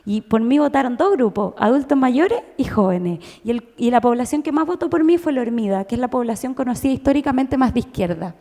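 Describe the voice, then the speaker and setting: A Chilean woman in her thirties telling her own story at a conference, emotional and animated, with many restarts. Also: fairly high pitch, brisk, few pauses. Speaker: conference speaker. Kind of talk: personal testimony talk. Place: church. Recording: long reverb of a church hall.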